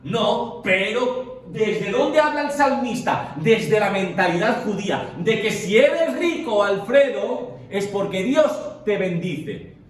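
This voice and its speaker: A man's voice: sits high, animated, slow pace. A man leading a Bible study group, explaining at length and often checking in with the listeners. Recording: echoey room, far from the mic, faint noise.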